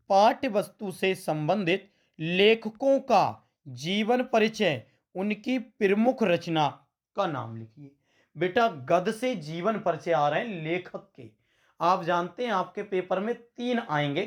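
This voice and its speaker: A man teaching an exam-prep lesson with a western Uttar Pradesh Hindi accent, who often calls his students "beta" and repeats his points back as questions. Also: sits high. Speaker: coaching teacher.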